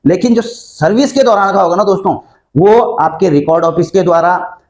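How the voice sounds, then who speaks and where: A man's voice: sits high, normal speed, a little mellow. A man hosting an online channel, explaining rules to viewers in a chatty, conversational way, often calling them friends. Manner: chatty, addresses viewers as friends, frequent fillers and restarts. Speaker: YouTube channel host explaining army pension rules.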